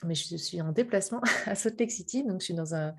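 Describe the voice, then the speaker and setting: Middle-aged woman from Paris, lowish voice, halting explainer on a video call from a hotel room. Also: breathy edge. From Paris, France. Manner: hesitant, many fillers and restarts, light laughs. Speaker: guest speaker on game user experience. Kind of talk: public video-conference talk.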